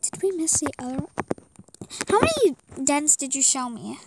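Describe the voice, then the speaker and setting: A woman's voice: high-pitched, big pitch swings, moderate pace, heavy background noise. A young girl chatting casually and rambling while commenting on a game at a friend's house. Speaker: guest commentator.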